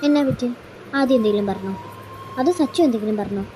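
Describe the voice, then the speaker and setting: A woman's voice: mid-range voice, dark tone, a little hiss or hum, lightly acted. A woman voicing a doting middle-aged mother and aunt who fusses and coaxes in a fan audio drama. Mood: coaxing. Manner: coaxing, fussing, fast-talking. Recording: background music under voice.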